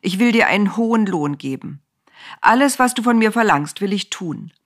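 A woman's voice: mid-range voice, lively intonation, normal speed, voice pushed up, natural voice. A woman voicing a scheming, demanding male king in a storybook reading, speaking urgently. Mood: commanding.

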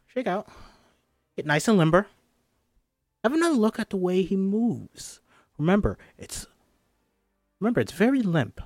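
A man's voice: high-pitched, no room sound, studio quality, pitched above the performer's own voice, full character voice. A man voicing a bossy, encouraging acting coach in an amateur comedy script reading, instructing theatrically.

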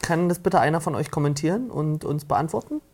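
A woman with a low, deep-set voice co-hosts a relaxed podcast. She chats and jokes loosely about a reality show and laughs often. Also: brisk. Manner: chatty, joking, laughs often. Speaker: podcast co-host. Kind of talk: casual chat reacting to a TV show.

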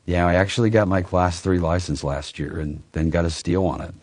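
A man's voice: sits low, steady tone, a little fast, a little mellow, no room sound, voice pushed up. A man voicing a laid-back male buddy who loves guns, talking in a casual, offhand, profane way.

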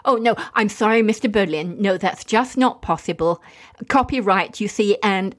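A woman's voice: medium pitch, moderate pace, soft background music, lightly acted. A woman playing a polite, prim interviewer in a scripted comic mock interview. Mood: prim, flustered. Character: polite, prim female interviewer, easily flustered.

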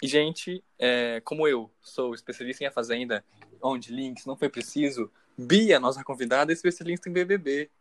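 A man's voice: mid-range voice, normal speed. A young Brazilian man with a Brazilian Portuguese accent, co-hosting a podcast in casual, jokey chat and laughing often. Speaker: podcast co-host.

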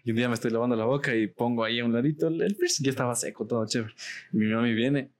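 A man's voice: medium pitch, rapid-fire. A young man, chatting casually with friends and telling slangy stories. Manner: slangy storyteller, laughs often. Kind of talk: casual chat.

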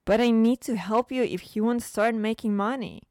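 A woman's voice: fairly high pitch, moderate pace, no echo, voice pushed up, close to an everyday voice. A woman playing a fierce, foul-mouthed mother. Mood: protective. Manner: sharp, scolding outbursts.

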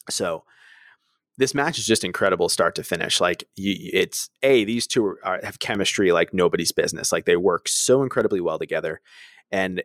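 A man with a fairly low voice tells a story on a podcast, animated and quick to laugh. He acts out the people in it. The sound is close and dry, with no room echo. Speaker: podcast co-host. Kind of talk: casual chat, storytelling.

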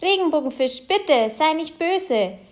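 A woman voicing a small, eager little blue fish who pleads in a high voice. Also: expressive, unhurried. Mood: pleading.

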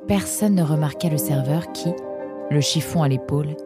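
A woman narrating a children's story in a gentle, expressive reading style. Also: low-pitched, moderate pace, loud music behind the voice.

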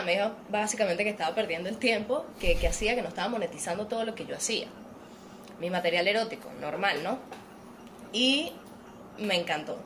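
Casting: woman, Venezuelan Caribbean Spanish accent, mid-pitched, informal and slangy storyteller in casual conversation, slight background noise. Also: fairly bright tone. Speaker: podcast guest, actress and model. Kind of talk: casual chat, telling own story.

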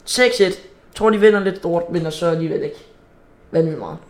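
A man hosting a casual football prediction chat. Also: on the high side. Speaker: host of a football prediction talk.

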